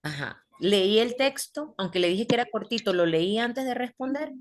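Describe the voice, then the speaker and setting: A woman's voice: on the high side, expressive, moderate pace. Patient woman teacher explaining step by step. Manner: patient, explains step by step, asks the class questions. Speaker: English teacher. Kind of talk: online class teaching.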